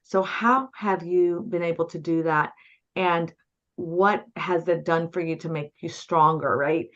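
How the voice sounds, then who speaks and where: A fairly low-pitched woman hosts a conversational panel interview. She speaks effusively and with visible feeling. Her audio sounds dull and lo-fi. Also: steady tone, a little slow, fairly bright tone. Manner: effusive, emotionally moved. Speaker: host.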